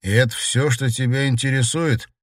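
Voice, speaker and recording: Man voicing a scolding teen brother, slightly higher voice, insistent, dry close audiobook sound. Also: steady tone, moderate pace, dry recording, close to an everyday voice. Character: angry protective teenage older brother.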